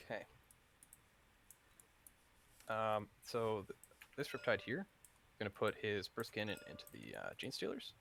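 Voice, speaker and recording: Gravelly low-voiced man calling dice rolls. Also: wildly swooping pitch, unhurried, long pauses, fairly bright tone, a little hiss or hum. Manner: calls out dice rolls, hesitant fillers. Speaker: tabletop wargame player. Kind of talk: casual game commentary.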